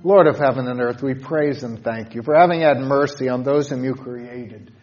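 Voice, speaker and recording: A man, a pastor, reading formal liturgical prayers at a church service in a measured, solemn way with pauses. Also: mid-range voice, lo-fi sound, over loud music.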